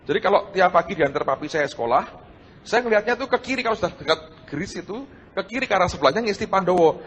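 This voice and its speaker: A middle-aged man, preaching a sermon and telling his own story, swinging between hushed and loud. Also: high voice, quick pace. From Indonesia. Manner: animated, shifts between hushed and loud, addresses audience as saudara. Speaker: pastor. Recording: large hall with long reverb and faint noise.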